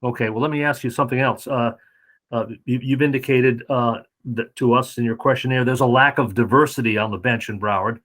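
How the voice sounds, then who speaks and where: A male editorial board interviewer asks direct, probing questions. His pitch sits mid-range. He talks plainly and steers the conversation. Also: fairly even intonation, brisk, a bit bright.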